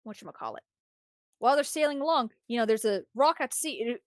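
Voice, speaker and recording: A woman streamer casually retelling a story, animated and rambling, often restarting her sentences. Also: a little high, fast talker, dry recording, studio quality.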